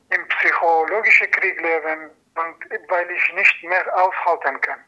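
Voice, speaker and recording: A man giving a personal testimony as an asylum seeker, in halting, phrasing with frequent restarts. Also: fairly high pitch, bright, forceful tone. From Iran. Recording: dull lo-fi recording.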